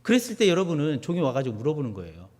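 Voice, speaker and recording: Animated Korean pastor in a reverberant church. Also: male voice, fairly high pitch, very fast. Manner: swings from quiet questions to loud emphatic declarations. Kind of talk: sermon. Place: church sanctuary. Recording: long church hall reverb.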